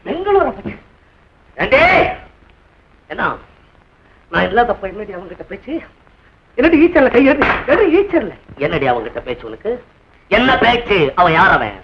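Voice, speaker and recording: A sneering, hot-tempered jealous husband. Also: male voice, high-pitched, sing-song, normal speed, long pauses. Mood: accusing. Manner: loud, mocking, quarrelsome. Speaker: jealous husband in a film comedy. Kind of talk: 1960s Tamil film acting. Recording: hissy old film soundtrack.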